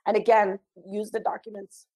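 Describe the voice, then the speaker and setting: A woman trainer closing an online training webinar, a little hoarse from a cold, chatty and friendly with apologetic asides, speaking into a computer mic. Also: medium pitch, little pitch movement, normal speed, dark tone, poor audio.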